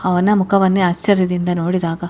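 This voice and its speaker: A woman narrating a spoken story in a steady, even storytelling manner. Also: fairly low pitch, fairly quick.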